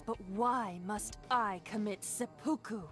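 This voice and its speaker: A woman voicing a formal, deadpan female AI partner in a video game. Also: medium pitch, slow, soft background music. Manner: precise, formal, dry. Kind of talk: game voice acting.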